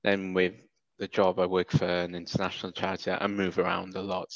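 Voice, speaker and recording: Over slightly dull, lo-fi audio, a Welsh man with a British accent speaks as a guest in a casual podcast interview. His deep, gravelly voice is completely flat and fairly quick, and he keeps hesitantly correcting himself.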